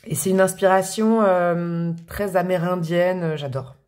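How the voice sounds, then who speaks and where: A woman's voice: lowish voice, steady tone, a little slow, a little mellow. A woman from France hosting a casual tarot reading, chatty and bubbly with slangy, affectionate talk. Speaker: tarot reader and channel host.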